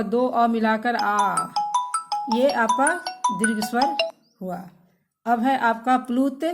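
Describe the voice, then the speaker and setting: Woman, school teacher, slow-paced, slightly high voice, patient, repeats definitions, speaks to children. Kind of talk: recorded grammar lesson for children.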